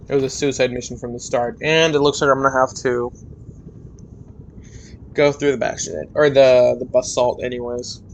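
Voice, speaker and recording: A man's voice: medium pitch, steady tone, moderate pace, long pauses, slight background noise, low-quality recording. A young man giving casual, rambling gameplay commentary, muttering to himself and joking at his own expense. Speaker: gaming YouTuber.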